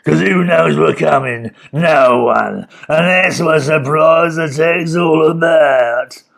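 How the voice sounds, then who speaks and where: A man's voice: on the high side, slow pace, vocal fry, fairly bright tone, pitched above the performer's own voice, heavily acted. A man voicing a scruffy old male villain in a children's storybook, gleeful and blustering. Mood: gloating.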